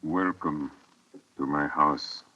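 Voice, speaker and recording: An actor playing a courteous, menacing vampire count in 1930s radio drama style, slow and formal, on an old muffled recording. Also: male voice, a bass voice, steady tone, sharp tone, exaggerated voice. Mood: solemn welcome. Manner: slow, formal, ominously polite.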